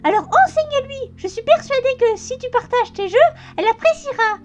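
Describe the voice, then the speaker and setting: A woman's voice: very high-pitched, animated, brisk, faint music behind, pitched above the performer's own voice. Woman playing a teasing, doting mother mare. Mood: coaxing.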